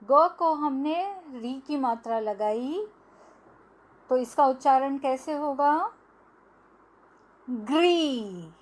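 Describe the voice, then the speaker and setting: A woman's voice: high-pitched, slow. A woman teacher giving a language lesson to young children, stretching out each syllable.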